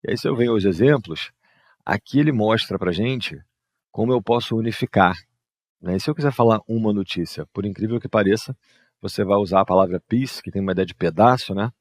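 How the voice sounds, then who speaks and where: A man's voice: lowish voice, fairly quick, dry recording, clean studio sound. A man, patiently explaining exercise answers as an English teacher and often adding "né" and "ó". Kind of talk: explaining exercise answers over a screen share.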